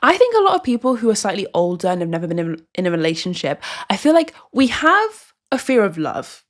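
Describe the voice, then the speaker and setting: A woman's voice: mid-range voice, big pitch swings, brisk. A young woman hosting a casual vlog, talking earnestly to the camera with frequent restarts and filler likes. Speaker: video host.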